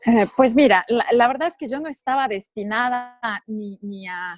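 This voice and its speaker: A woman, a podcast guest speaking in a measured, thoughtful way with frequent pauses. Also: a little high. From Mexico. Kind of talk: podcast interview.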